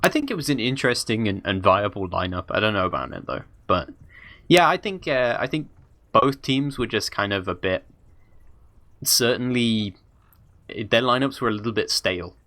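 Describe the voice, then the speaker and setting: A man's voice: lowish voice, big pitch swings, normal speed, bright, forceful tone. A man casting an esports match, talking through the game in a chatty, rambling way. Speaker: esports commentator. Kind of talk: casual esports commentary.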